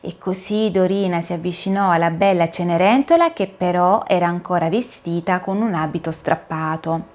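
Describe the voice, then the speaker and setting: Woman softly narrating a children's fairy tale. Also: on the low side, moderate pace. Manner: soft, expressive storytelling. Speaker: storyteller.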